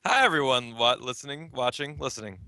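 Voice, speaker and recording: A man talking as a game developer guest in a casual interview, animated and explaining. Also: mid-range voice, brisk, clear, resonant tone, no echo, clean studio sound.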